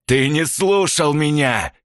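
A man voicing a cynical, arrogant young male villain inventor who mocks his captives in a slow, menacing drawl. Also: medium pitch, lively intonation, fairly bright tone, no room sound, clean studio sound, pitched above the performer's own voice, close to an everyday voice. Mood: irritated. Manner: gloating, mocking, drawn-out menacing delivery.

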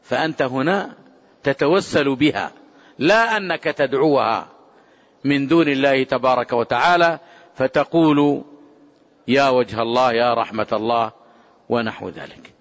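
Emphatic male scholar in an echoing hall. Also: mid-range voice. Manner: emphatic, rising to forceful exclamations; measured, drawn-out quoting of prayers. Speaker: Islamic scholar teaching. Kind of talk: religious lesson. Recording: dull lo-fi sound with long hall reverb.

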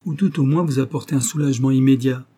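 Male reader doing a detective, calm and secretive, commanding; dark husky voice, low and firm. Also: fast, lightly acted. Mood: hushed, firm.

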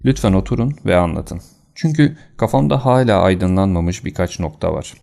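A man reading an audiobook, voicing a sharp, decisive male detective with a brisk, commanding manner. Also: deep voice, expressive, vocal fry.

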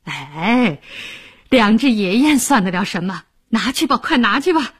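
A big red-faced man, frank and generous, speaks in a loud, laughing storybook voice, put on by a woman narrator. The voice is husky and dry, with a lively rise and fall. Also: a little slow, no echo. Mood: hearty. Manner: booming, laughing, open-handed.

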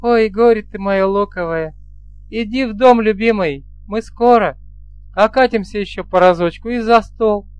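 A man's voice: high-pitched, moderate pace, smooth, dull audio, voice pushed up, close to an everyday voice. A man reading an audiobook, voicing a playful, affectionate young bride in a lifted, folksy way. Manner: light, coaxing, folksy speech.

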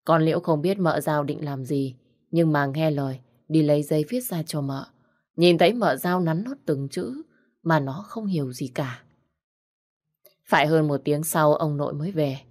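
A woman narrating a storybook tale in a measured, calm way. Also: deep voice.

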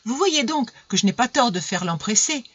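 A woman reading a classic novel aloud in an expressive storytelling style, jumping in pitch for the characters. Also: moderate pace, husky, no room sound. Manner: lively, voices characters with pitch jumps. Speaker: audiobook reader. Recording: dull lo-fi recording.

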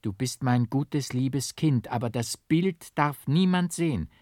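A man voicing a pale noblewoman mother, usually gentle, who speaks vehemently in a gothic audiobook. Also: medium pitch, animated, a little slow, no echo, studio quality, voice pushed up, lightly acted. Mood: tender. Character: pale mother, gentle yet sharply angry.

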